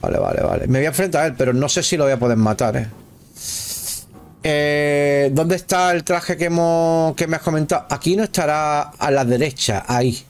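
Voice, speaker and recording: A man's voice: on the high side, normal speed, faint music behind. Chatty man streaming a game. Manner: chatty, exclaims at the game and talks to viewers. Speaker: gameplay streamer. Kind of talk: casual live gameplay commentary.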